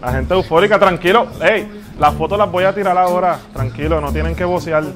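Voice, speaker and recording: A man's voice: high-pitched, fairly quick, over music, close to an everyday voice. A man with a Puerto Rican accent pranking people on the street as a pushy, self-important fake singer who calls everyone papi. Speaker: prank show host. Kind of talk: hidden-camera prank.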